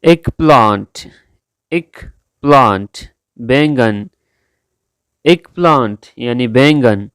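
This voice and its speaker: Slow, deliberate male teacher. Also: mid-range voice, lively intonation, a bit bright, clean tone, no room sound, studio quality. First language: Urdu. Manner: drawn-out, careful pronunciation drills. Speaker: English vocabulary teacher. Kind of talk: slow vocabulary lesson, repeating each word.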